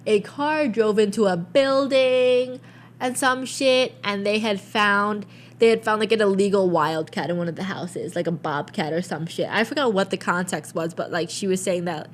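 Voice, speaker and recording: A young woman co-hosting a casual chat show, telling animated stories full of "like" and swearing. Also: mid-range voice. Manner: animated storyteller, swears freely, lots of "like". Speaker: podcast co-host.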